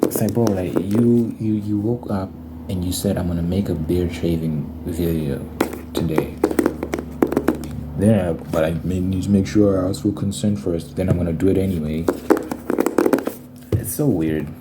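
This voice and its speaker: A man's voice: low-pitched, normal speed. A young man rambling casually in an ASMR video, talking in an informal, slangy, complaining way. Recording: noisy recording with clicking sounds.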